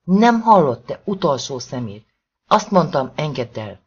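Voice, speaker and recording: A man voicing a desperate, furious woman who shouts at her abusive husband, in a storybook reading. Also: medium pitch, very animated, slightly rough, muffled recording.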